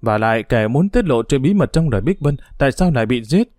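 A man's voice: mid-range voice, expressive, fairly quick, a little mellow, dry recording, studio quality, lightly acted. A man voicing a worried, proper older aunt in a storybook reading. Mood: alarmed. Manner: anxious, fretful questioning.

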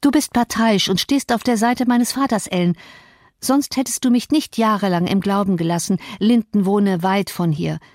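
A woman voicing a spirited, headstrong teenage girl in an audiobook, speaking in quick, indignant questions. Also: mid-range voice, darkish tone, dry recording, studio quality, natural voice. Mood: reproachful.

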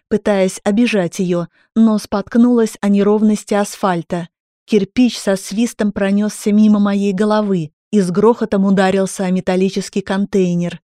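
Woman narrating with a dark, mellow voice. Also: mid-range voice, no room sound, studio quality. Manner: steady, dramatic first-person narration. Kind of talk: audiobook narration.

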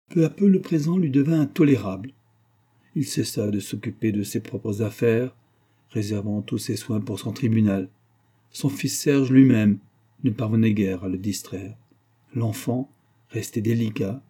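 A man reading a classic novel aloud as an audiobook, in a measured, steady literary narration. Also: medium pitch, breathy edge. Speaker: audiobook reader.

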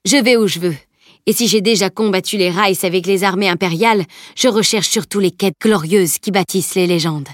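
A woman's voice: medium pitch, fairly quick, no echo, studio quality, lightly acted. A woman doing a boastful swaggering knight. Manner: loud and boasting. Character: boastful blond adult male knight, proud and hot-headed.

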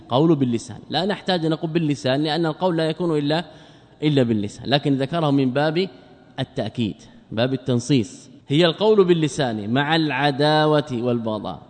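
A man teaching a religious text as a sheikh, lecturing quickly and asking his students questions he then answers himself. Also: fairly high pitch, darkish tone, long reverb tail.

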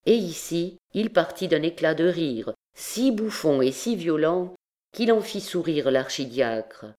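A woman narrating a classic novel as an audiobook, calm and measured. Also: low-pitched.

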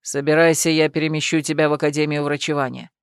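Lady putting on a low quiet cold judge guy, measured, dry audiobook sound. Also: flat delivery, smooth, no room sound. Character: cold authoritative man, a judge.

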